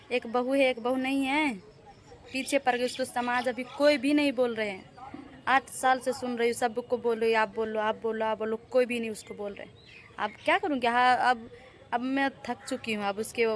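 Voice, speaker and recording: Aggrieved Bihari woman pleading to viewers. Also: fairly high pitch. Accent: Bihari Hindi. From Bihar, India. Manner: plaintive, indignant, pleading to viewers. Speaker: vlogger. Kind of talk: aggrieved personal vlog. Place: family house and rooftop, indoors and out.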